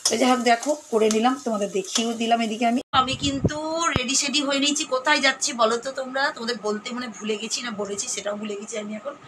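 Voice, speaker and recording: A woman's voice: a little high, very fast, few pauses. A middle-aged woman, chatting straight to her viewers as she films on a phone at a busy church gathering. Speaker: vlogger, mother. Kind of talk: casual chat to viewers. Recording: crowd chatter and loud street noise.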